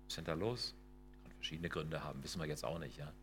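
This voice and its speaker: Speaking fast in a rumbling low voice, a middle-aged lecturer on intercultural work presents a slide lecture. He leans on emphasis, rhetorical questions, and tag questions, and there's a little hiss or hum in the audio.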